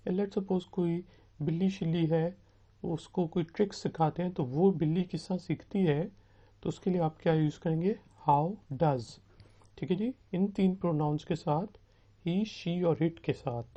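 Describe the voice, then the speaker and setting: A man teaching a recorded beginners' language lesson. He patiently drills phrases slowly and asks learners to repeat after him. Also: sits high, mellow. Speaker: spoken English teacher. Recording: dull, lo-fi recording.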